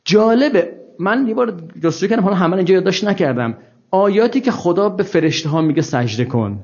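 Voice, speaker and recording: A man's voice: fairly high pitch, a little mellow. A man giving an informal scripture lecture to an audience, wry and ironic, asking many rhetorical questions. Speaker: religious lecturer. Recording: dull lo-fi recording.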